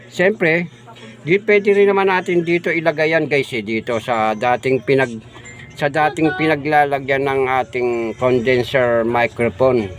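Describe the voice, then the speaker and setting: Chatty man testing a mic. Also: mid-range voice. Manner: chatty and repetitive, says "guys" and "oh, di ba" often; does mic sound checks, sometimes stepping away from the mic. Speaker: vlogger showing off a new microphone. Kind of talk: casual unboxing vlog.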